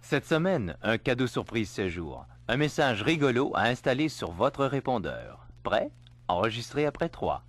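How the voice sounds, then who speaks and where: A man announcing segments in a smooth, scripted promotional manner. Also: mid-range voice, big pitch swings, normal speed, soft background music.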